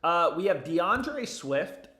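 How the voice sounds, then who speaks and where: A man's voice: sits high, sing-song, takes it slowly, sharp tone. A young man chatting casually as a livestream host, with sweary frat-bro slang. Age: young adult. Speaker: livestream host giving betting picks. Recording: roomy, echoey indoor sound.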